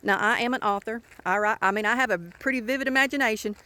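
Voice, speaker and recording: Woman ministry leader, bright clear voice, earnest casual testimony to camera. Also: a little high, fast talker. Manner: earnest, emphatic storytelling with many restarts.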